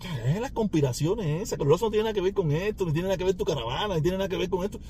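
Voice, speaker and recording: A man's voice: high-pitched, rapid-fire, dark tone, slight background noise. A man with a Cuban Spanish accent, ranting at a rival on his podcast in a taunting, sarcastic way with mocking laughs. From Cuba. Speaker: podcast host.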